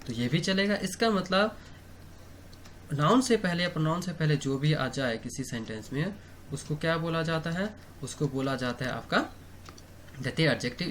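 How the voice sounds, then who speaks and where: A man's voice: on the high side, a bit bright, slight background noise. A man teaching English grammar in Hindi, asking questions and answering them himself, with frequent "okay" and "theek hai" as he writes on a board. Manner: writes on a board while he talks. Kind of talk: explanatory online lesson.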